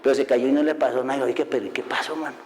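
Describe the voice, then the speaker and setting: A man preaching a sermon as an evangelist, lively and full of rhetorical questions, laughing at his own stories. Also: mid-range voice, fast talker, a little hiss or hum. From Colombia. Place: church hall. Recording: long hall reverb.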